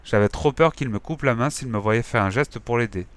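A man reading a children's story aloud in a lively, expressive way. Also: medium pitch, brisk, clear, resonant tone. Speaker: audiobook narrator. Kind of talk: scripted children's story narration.

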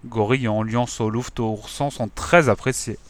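Storybook read-aloud, man voicing male smuggler thug, mocking, slangy, mid pitch, dry close sound. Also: steady tone, normal speed, no echo, natural voice. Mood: sneering.

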